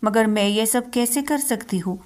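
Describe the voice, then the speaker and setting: A woman voicing a desperate, tearful young daughter in a storybook reading, with pleading lines read in an even tone. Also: on the high side, lightly acted.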